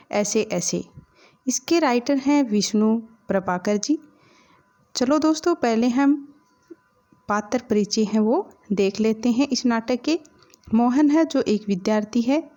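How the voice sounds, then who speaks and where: A woman's voice: a little high, a little mellow. A woman teacher reading a school play aloud and explaining it line by line. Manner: reads lines aloud then explains them plainly.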